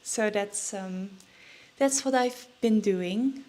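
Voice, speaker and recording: Young female vlogger, unhurried delivery, mid-range pitch, chatty with fillers, slightly nervous and breathless. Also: dark tone. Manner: chatty, with many fillers and restarts. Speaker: trading vlogger. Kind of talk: casual vlog chat.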